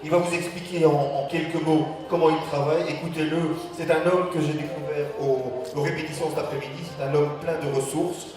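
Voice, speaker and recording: A man's voice: a little high, steady tone, a little fast, few pauses, music in the background. A man hosting a cabaret, making chatty, hesitant announcements from the stage. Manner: chatty, hesitant, repeats words as he goes. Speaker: cabaret master of ceremonies. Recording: echoey hall, slightly distant microphone.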